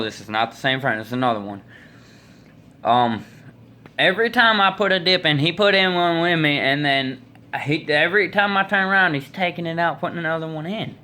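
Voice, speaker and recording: A sharp-toned, mid-range male voice: an American in his twenties telling casual, folksy stories with plenty of opinion. He speaks into a phone at arm's length in a small indoor room, rambling to camera.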